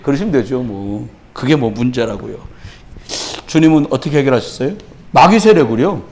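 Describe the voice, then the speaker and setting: A pastor preaching a Friday evening sermon, animated, shouting out acted-out quotes and dropping to a hush, chuckling through his own stories. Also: mid-range voice, moderate pace.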